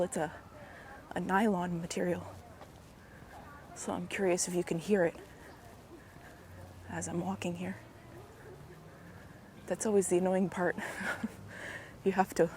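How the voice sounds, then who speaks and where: A woman, hoarse and a bit raspy from a cold, chatting casually as she walks through a park and vlogs on a handheld camera, often dropping into soft asides. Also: little pitch movement, measured pace, long pauses, slight background noise. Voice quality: raspy, slightly deep. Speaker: walking vlogger. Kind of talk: casual walking commentary. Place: outdoors in a park while walking. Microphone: handheld gimbal camera mic. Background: faint outdoor ambience.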